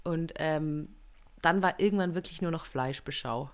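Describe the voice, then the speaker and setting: A woman's voice: sits low, moderate pace. A woman, co-hosting a casual chat podcast and telling stories animatedly, acting out what people said. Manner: animated storyteller, acts out quotes. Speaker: podcast co-host.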